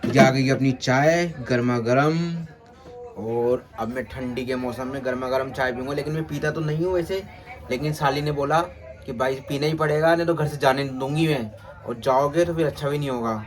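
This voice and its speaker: A man's voice: medium pitch, fairly even intonation, brisk, soft background music. A man talking casually to his phone camera as a vlogger and father, chatty and always pointing things out to his viewers. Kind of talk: casual vlog narration to camera. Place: outdoors, rooftop and street market. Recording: street noise with passing vehicles.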